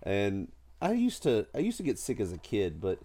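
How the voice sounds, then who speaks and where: A middle-aged man co-hosts a casual podcast while sick with a cold. His voice sits low and swings in a lively way. The tone is mellow and soft-edged, and the talk is loose and joking. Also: normal speed. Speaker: podcast co-host. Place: at home in a house.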